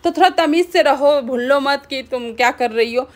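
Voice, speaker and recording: A woman reading out the lines of a calm, wise mother who lectures her family, in a plain voice close to her own. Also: sits high, measured pace. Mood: advising.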